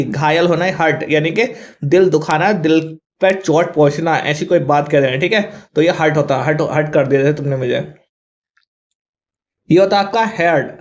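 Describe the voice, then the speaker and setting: A male teacher with a Hindi accent explains confused English words to students, spelling them out letter by letter. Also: fairly high pitch. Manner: spells words out letter by letter, often says 'thik hai'. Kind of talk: vocabulary lesson to students. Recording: dull lo-fi recording.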